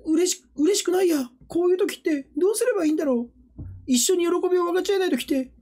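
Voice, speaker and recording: A man doing a meek little cartoon critter voice. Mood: wistful. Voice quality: high, soft, drawn-out childlike voice.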